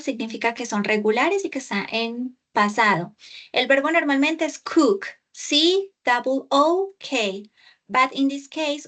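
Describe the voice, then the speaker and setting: Brief: female English tutor on a video call, high voice, unhurried delivery, patient and explanatory. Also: fairly bright tone. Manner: patient, slow and exaggerated English pronunciation, explaining in Spanish. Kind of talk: online tutoring session.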